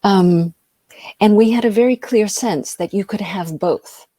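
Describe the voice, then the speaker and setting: A woman's voice: mid-range voice, a little slow, warm tone, no room sound, studio quality. A middle-aged woman from the United States, giving an informal talk as an invited speaker, hesitant with many ums and uhs. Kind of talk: informal lecture over a video call.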